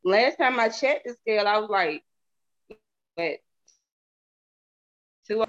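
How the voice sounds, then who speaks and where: A woman's voice: mid-range voice, expressive, slow. A woman from the southern United States with a Southern accent, chatting casually and candidly in a folksy way, repeating phrases for emphasis. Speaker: interview guest, product seller. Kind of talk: casual testimonial chat. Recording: dull lo-fi audio.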